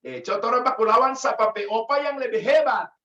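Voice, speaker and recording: A man's voice: extremely high pitch, fast talker, pitched above the performer's own voice. A man voicing a boastful male villager, in a roomy, distant, dull video-call recording. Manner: bragging, loud.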